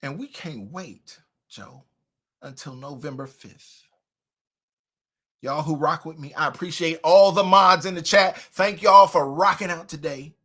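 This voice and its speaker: A man hosting a livestream commentary, mocking and preachy, with loud swings in volume. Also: on the high side, measured pace. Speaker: commentary host.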